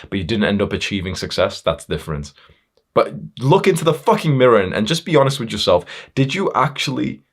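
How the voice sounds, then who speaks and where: A man with a very low voice delivers a hard-edged motivational monologue. He talks straight at the listener, swearing freely and pushing harder as he goes, tripping over fillers and restarts along the way. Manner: blunt, confrontational, heavy swearing; fillers and self-restarts, building intensity. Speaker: motivational speaker.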